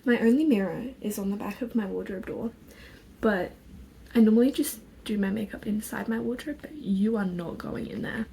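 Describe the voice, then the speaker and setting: A young woman vlogger chatting casually and quietly, as if not to wake anyone, in a rambling, self-deprecating way. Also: medium pitch, normal speed, creaky, a little hiss or hum, poor audio. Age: young adult. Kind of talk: casual chat while doing makeup. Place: indoors in own room. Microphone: phone propped on a music stand.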